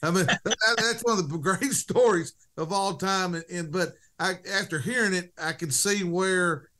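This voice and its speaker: A man's voice: high-pitched, moderate pace, pushed and bright. A man hosting a sports podcast, asking rambling, enthusiastic questions in a casual chat. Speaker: podcast host.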